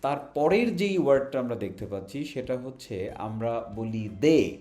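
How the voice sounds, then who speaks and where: A man's voice: mid-range voice, animated, normal speed, mellow, echoey room, faint music behind. A Bangladeshi man teaching children English in an online lesson, patient, asking questions and having them repeat words.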